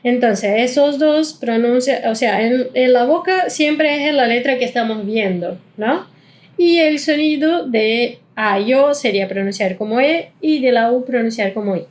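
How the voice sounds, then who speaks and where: Woman teaching, slow careful drills. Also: a little high, lively intonation. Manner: repeats sounds slowly, drawn-out vowel drills. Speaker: German teacher. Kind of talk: pronunciation lesson.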